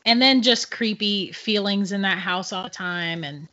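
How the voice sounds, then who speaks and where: Bright-voiced chatty middle-aged woman. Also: medium pitch, measured pace. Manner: chatty, laughs through her stories. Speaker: guest psychic medium. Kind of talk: casual storytelling. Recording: dull lo-fi sound.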